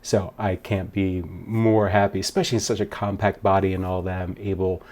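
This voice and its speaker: A man's voice: sits low, level tone, normal speed, darkish tone. A man who works as a wedding DJ, talking casually to camera in a vlog. He rambles upbeat with many fillers and is a little out of breath. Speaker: wedding DJ vlogging a gig log.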